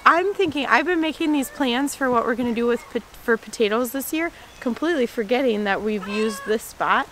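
A woman in her thirties chatting casually on a homestead vlog, outdoors in the garden, easily excited and quick to laugh. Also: fairly high pitch, a little hiss or hum. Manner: excitable, gasping and laughing at surprises. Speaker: homesteading vlogger. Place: outdoors in a rainy farm garden. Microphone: handheld camera mic.

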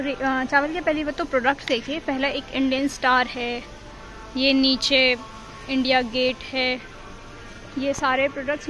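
A vlogger in her thirties films a casual shopping vlog on her phone, walking indoor supermarket aisles and chattily reading out prices. Her voice is high-pitched and fairly bright, and the recording is rough.

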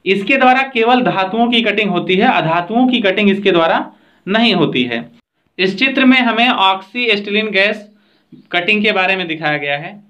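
A man's voice: sits high, lively intonation, normal speed, sharp tone. A man teaching trade theory over slides, explaining steadily with frequent filler phrases. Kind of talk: slide lecture with annotations.

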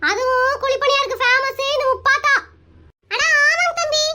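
A woman's voice: very high-pitched, bright, forceful tone. A woman voicing Muppatha, a chatty, nosy village woman neighbor in a comic Tamil cartoon, coaxing and drawing out her words.

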